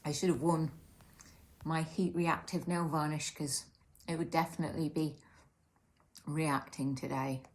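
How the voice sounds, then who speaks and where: A British woman with a notably low voice speaks in a casual eat-with-me vlog. She is conversational and candid, reflecting as she chats over a drink. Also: fairly even intonation, measured pace, long pauses. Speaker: vlogger sharing eating disorder recovery support.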